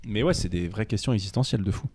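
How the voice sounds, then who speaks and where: A man, chatting as a podcast guest and tumbling through quick sentences full of restarts and fillers. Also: lowish voice, darkish tone, breathy edge, no echo. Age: 30s. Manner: rapid, tumbling speech with many restarts and fillers. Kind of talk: casual chat.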